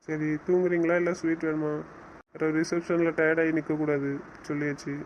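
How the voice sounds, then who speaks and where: A teasing, bossy young husband from a romantic audio drama, played by a man. The voice sits high for a man and is firm when he lectures. It comes through a slightly dull, lo-fi recording. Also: level tone, fairly quick, a little hiss or hum, natural voice. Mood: playful. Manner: teasing, then stern and scolding. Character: young husband, teasing yet bossy with his new wife.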